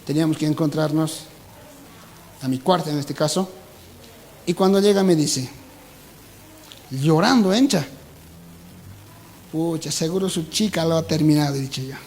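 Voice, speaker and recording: A man's voice: on the high side, normal speed, long pauses, a little mellow, slight background noise, low-quality recording. A young adult man, a pastor with a Bolivian Spanish accent, preaching a sermon and acting out the voices in his stories.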